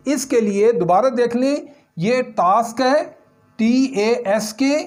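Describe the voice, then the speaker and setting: A male English teacher with a very high, darkish-toned voice speaks slowly in a recorded lesson on pronunciation. He asks questions, answers them himself, and repeats the key sounds.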